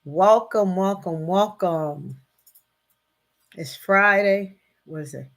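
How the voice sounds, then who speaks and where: A woman's voice: fairly low pitch, slow. A middle-aged woman hosting a live stream, chatting casually and greeting viewers by name, with many fillers. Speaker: host of a live stream show.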